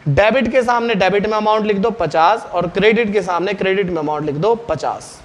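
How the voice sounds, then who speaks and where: The teacher, a man whose voice is high, quizzes his class rapidly and expects spoken answers from them.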